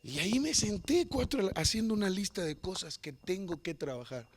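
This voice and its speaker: A man pastor preaching a sermon, telling a story with humor and swinging between loud and hushed delivery. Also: high-pitched, sing-song, normal speed, slight background noise.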